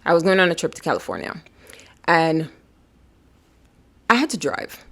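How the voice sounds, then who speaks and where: A young woman vlogger with a low, creaky, slightly bright voice gives a casual self-help talk to camera at normal speed, her pitch swooping wildly. She's emphatic and repetitive, dropping to a whisper when she voices the body.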